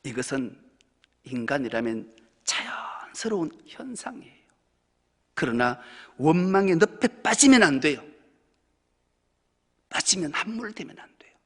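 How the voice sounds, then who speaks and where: A male pastor preaching a sermon, swinging between loud exclamations and hushed whispers. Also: a little high, creaky, slightly rough. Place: church sanctuary. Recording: church hall with long reverb.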